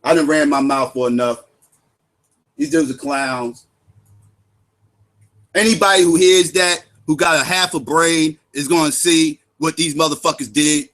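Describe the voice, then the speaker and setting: A man's voice: on the high side, fairly even intonation, unhurried, long pauses, a bit bright. A man giving angry, profane, sarcastic commentary on a livestream.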